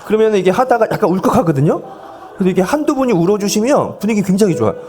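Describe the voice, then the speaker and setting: This pastor talks rapid-fire in a high, sing-song, darkish voice, with slight background noise in the recording. In his forties, he leads a volunteer seminar from the sanctuary pulpit using a handheld mic, joking, coaxing the congregation, mocking himself, and playing audience games.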